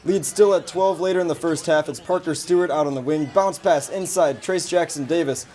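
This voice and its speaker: In his twenties and from the US, this student announcer with an American accent does sports reports, highlight reads and play-by-play. His voice runs on the high side and a little mellow, and he talks slightly fast.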